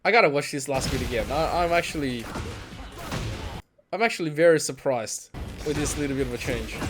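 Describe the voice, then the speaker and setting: Excitable man hosting a game reaction, chatty and laughing, faint music underneath. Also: on the high side, a little fast. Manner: excitable, laughs often, imitates lines. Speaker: gaming video host. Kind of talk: casual reaction commentary.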